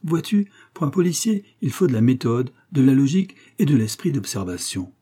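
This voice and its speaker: A man voicing a pompous, doddering elderly gentleman who lectures his friend with boastful, self-satisfied reasoning in a storybook reading. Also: medium pitch, very animated, fairly quick, breathy edge, voice pushed up.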